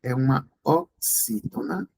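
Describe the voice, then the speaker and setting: In a review class, a male Brazilian Portuguese tutor works through exam questions, teaching didactically, checking in with his students often, and splitting words into syllables to stress them. His mid-range voice is expressive, gravelly, and darkish, with a slow pace. The recording quality is low.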